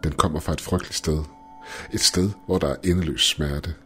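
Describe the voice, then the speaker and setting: Horror story figure: an eerily calm young woman, voiced by a man in his own very deep voice. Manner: calm and flat. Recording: faint music behind.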